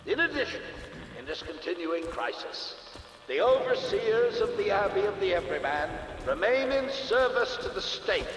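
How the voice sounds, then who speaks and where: A stern male ruler gives a formal proclamation over a loudspeaker. His high voice swings widely in pitch with solemn authority, ringing out with long reverb in this game. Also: heavily acted. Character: stern male head of state making a proclamation. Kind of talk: formal public address.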